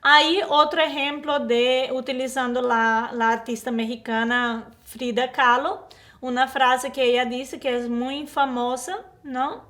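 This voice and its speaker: Slow-speaking high-voiced woman teacher. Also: little pitch movement, a bit bright. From Brazil. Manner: patient, explains slowly with frequent tag questions. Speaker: Spanish teacher. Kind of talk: online language lesson.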